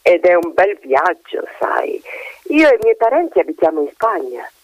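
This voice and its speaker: A man's voice: high-pitched, very animated, moderate pace, no echo, pitched above the performer's own voice. A man putting on a gossipy female magpie. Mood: chatty. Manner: talkative, insinuating. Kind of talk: storybook reading. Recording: dull lo-fi dry recording.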